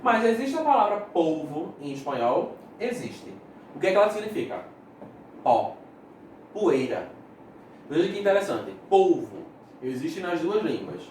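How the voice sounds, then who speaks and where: A man's voice: fairly high pitch, sing-song, unhurried, pauses often, a little mellow. Male teacher in an echoey room. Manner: explains words step by step, checks in with "beleza?" and "se liga". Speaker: Spanish teacher. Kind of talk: recorded school lesson. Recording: echoey room, voice from a distance, faint noise.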